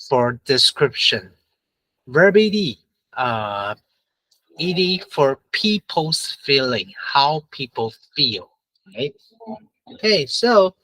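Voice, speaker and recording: A man's voice: mid-range voice, fairly bright tone, no room sound, poor audio. A man teaching a grammar review, repeating points often with frequent "uh" and "right?" checks. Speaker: English teacher.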